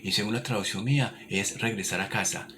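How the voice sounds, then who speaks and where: A man's voice: on the low side, brisk. A man, giving an informal language lesson in a repetitive, encouraging way. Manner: repetitive, encouraging, many restarts. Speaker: English teacher. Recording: noticeable background noise.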